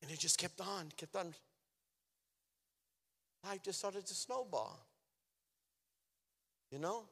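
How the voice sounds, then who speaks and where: Guy telling his testimony real emotional, kinda high voice, big echoey hall. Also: expressive, slow pace, vocal fry, pauses often. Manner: emotional, swings from loud outbursts to near-whispers. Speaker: testimony speaker. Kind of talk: personal testimony. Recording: long hall reverb.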